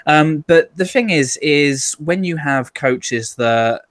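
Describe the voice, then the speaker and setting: A man's voice: a little high, expressive, slow pace, a bit bright, no room sound. A man co-hosting a podcast, musing at length with many ums. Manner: rambling, filler-heavy musing. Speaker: podcast co-host. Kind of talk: casual podcast conversation.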